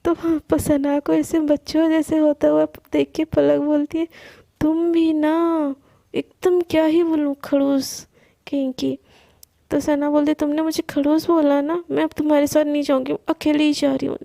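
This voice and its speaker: A woman's voice: high voice, level tone, measured pace, creaky, mellow, no room sound. A young woman telling a story in a casual, chatty way, voicing both girls' lines herself. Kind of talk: casual storytelling narration with acted dialogue.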